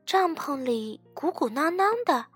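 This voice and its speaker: Woman storyteller, high bright voice, slow soothing bedtime reading, dry close sound, faint soft music behind. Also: lively intonation, no room sound.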